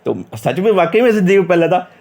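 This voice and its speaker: Higher-voiced young man telling a story. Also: sing-song, quick pace, a little mellow. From Uttar Pradesh, India. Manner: chatty, retells dialogue, frequent restarts. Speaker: interview candidate recounting experience. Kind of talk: casual storytelling.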